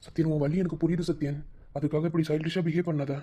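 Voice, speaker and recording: A performer voicing a concerned older father in a cartoon, gently coaxing and questioning. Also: mid-range voice, steady tone, quick pace, husky, natural voice. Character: worried old father, calm and gentle. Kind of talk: animated cartoon voice acting.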